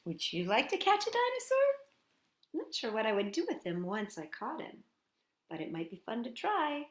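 Hosting storytime for young children, a woman reads a picture book expressively, asking the kids questions directly and adding asides and sing-song greetings. Her voice is on the high side and sing-song, her pace moderate, and the sound is roomy.

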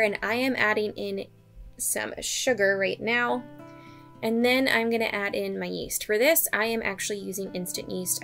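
In a home kitchen, a homesteading vlogger in her thirties gives friendly, step-by-step narration of her bread recipes for viewers. She has a medium pitch, fairly bright tone and noticeable vocal fry.

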